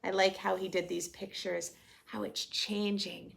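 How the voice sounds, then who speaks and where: A woman reads a storybook aloud to young children, expressive and sprinkling in chatty questions for her listeners. Her mid-range voice carries vocal fry, with a level tone and measured pace.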